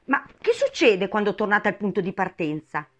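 A woman's voice: mid-range voice, big pitch swings, moderate pace, fairly bright tone. A woman voicing a polite, curious young girl with an earnest, cautious manner in a storybook.

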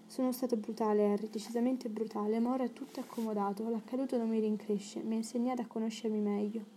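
A woman reading an audiobook, voicing an earnest, emotional, impulsive young English gentleman. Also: on the high side, fairly even intonation, quick pace, a little hiss or hum, close to an everyday voice.

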